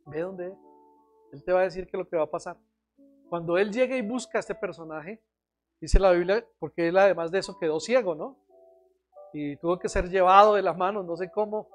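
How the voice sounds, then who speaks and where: A pastor in the middle of a sermon, earnest and searching, often turning to the congregation with questions. The voice sits at a middle pitch. Soft instrumental music plays faintly underneath. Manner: earnest, questioning the congregation, acting out quoted prayers.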